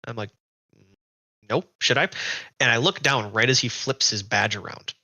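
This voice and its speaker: A young adult man, a guest racer, telling long animated anecdotes in casual podcast chat, often restarting his sentences. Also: medium pitch, a little fast, dry recording.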